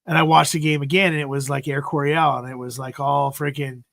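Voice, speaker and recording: A man's voice: a little high, flat delivery, brisk, gravelly, a bit bright, no echo. A man in his fifties hosting a livestream, chatting casually about football in a rambling way, repeating himself and trailing off. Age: 50s. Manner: rambling, repeats "freaking", trails off mid-sentence. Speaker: livestream host. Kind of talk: casual sports chat.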